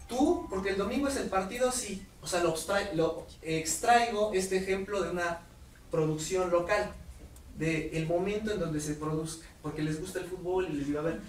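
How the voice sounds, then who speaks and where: A man giving a lively workshop lecture to teachers, putting questions to the audience. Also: high-pitched. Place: lecture hall. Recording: roomy hall audio from far off, faint noise.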